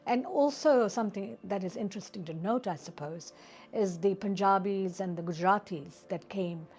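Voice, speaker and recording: A woman's voice: medium pitch, moderate pace, darkish tone. A woman, conversational as she interviews. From Fiji.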